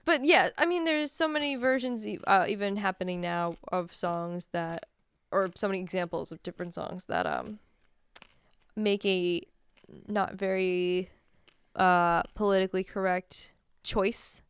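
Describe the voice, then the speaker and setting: A woman's voice: medium pitch, lively intonation, a little slow, clear, resonant tone, no room sound. A woman co-hosting a podcast in casual chat, talking in a rambling way and laughing often. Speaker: podcast co-host. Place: Massachusetts.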